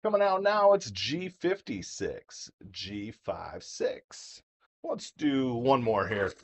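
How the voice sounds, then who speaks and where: A man working as a bingo caller, announcing numbers playfully with rhymes and drawn-out repeats. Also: mid-range voice, big pitch swings. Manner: playful, repeats each call in drawn-out fashion.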